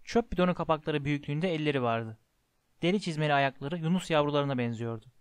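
A man reading a storybook aloud in a measured way, slowing down for descriptive passages. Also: a little high, smooth, no echo. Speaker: audiobook narrator. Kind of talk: storybook narration.

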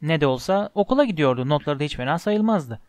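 A man narrating an audiobook with expressive storytelling. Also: on the high side, fast talker, no room sound. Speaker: audiobook reader. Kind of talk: scripted narration.

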